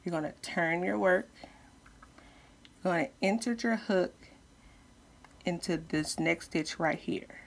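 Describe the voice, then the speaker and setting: A woman's voice: lowish voice, slow pace, vocal fry, long pauses. A woman giving casual step-by-step craft instruction as a tutorial host, informal, with slightly lisped speech from wearing retainers.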